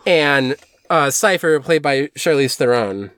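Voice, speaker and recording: A man's voice: a little high, lively intonation, a little slow, fairly bright tone, clean tone, dry recording. A man co-hosting a podcast, recapping movies in a casual chat and rambling with lots of fillers and restarts. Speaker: podcast co-host.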